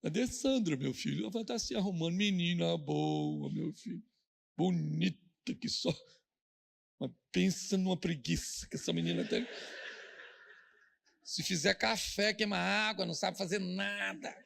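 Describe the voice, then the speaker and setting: A preacher voicing a frank, chatty old grandmother in a lowered, gravelly voice. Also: lively intonation, unhurried, full character voice. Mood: gossipy.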